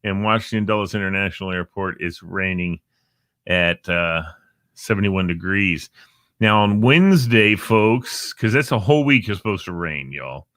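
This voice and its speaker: A show host in Northern Virginia rambles playfully through a casual live show, tossing in jokey asides about times and weather. His deep voice has lively intonation, normal speed and a fairly bright tone, captured as clean studio sound with no room echo.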